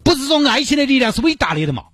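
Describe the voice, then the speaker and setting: A shrill, nagging young woman with a Sichuanese lilt, as a man puts her on in high falsetto. Her pitch swings wildly between sulky and indignant. The voice is a little husky and sits dry and close, over faint music. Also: big pitch swings, rapid-fire, a bit bright, no echo, full character voice. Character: whiny young woman, demanding girlfriend.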